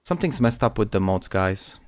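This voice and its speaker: A man's voice: lowish voice, animated, fairly quick, no echo, clean studio sound. A man casually commenting on his gameplay stream, chatting with viewers and often restarting words.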